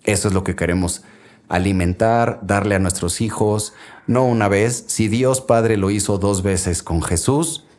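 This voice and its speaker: A man with a Mexican Spanish accent and a somewhat low voice talks about fatherhood and faith. He sounds earnest and conversational, like a dad sharing with other parents. He slips into little acted-out quotes now and then. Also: a little slow, a little mellow. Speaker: podcast host, father giving parenting advice. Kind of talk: faith-based parenting talk.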